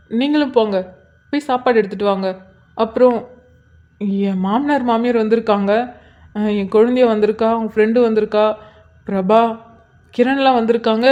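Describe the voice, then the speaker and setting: A woman's voice: on the high side, a little mellow, muffled recording, lightly acted. A woman voicing a grieving, hurt young husband in an emotional cartoon drama. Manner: emotional, tearful. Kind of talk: cartoon voice acting.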